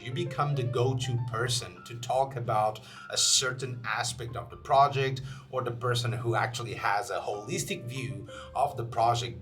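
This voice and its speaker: This channel host, a young man from Portugal, talks to camera in casual, accented English with a medium-pitched, slightly bright voice. Fillers and restarts come often, and a faint guitar track runs in the background.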